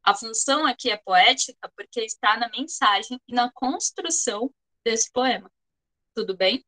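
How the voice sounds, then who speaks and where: Bright-voiced Brazilian woman teaching a class. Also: a little high, animated, normal speed, poor audio. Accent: Brazilian Portuguese. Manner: explanatory, often checks in with students. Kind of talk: online class lecture.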